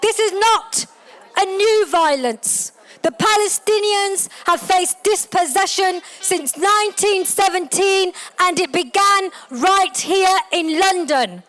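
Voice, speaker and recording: A woman addressing a rally in a slow, rhetorical speech, listing words one by one. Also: very high voice, a bit bright. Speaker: rally speaker.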